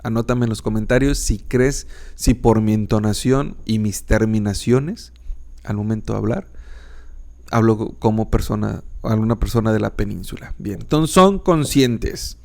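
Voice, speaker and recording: A man's voice: on the low side, level tone, moderate pace, creaky, mellow. A man with a northern Mexican accent, teaching philosophy as a podcast host in an informal, emphatic way, repeating key words.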